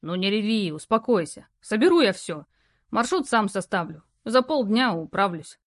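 A woman voicing a gruff, burly male courier who talks curtly and in rough slang. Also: medium pitch, sing-song, moderate pace, dry recording, clean studio sound, natural voice. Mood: gruffly kind.

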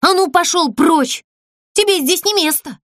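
A woman's voice: high voice, huge pitch swings, fairly quick, no echo, pitched above the performer's own voice. Woman voicing a plucky storybook doll girl, close and dry. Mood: earnest. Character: earnest, determined young girl doll.

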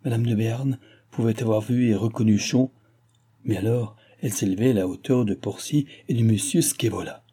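A man reading a classic novel aloud in measured literary narration. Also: fairly low pitch, warm tone, husky. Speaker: audiobook reader. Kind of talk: scripted narration.

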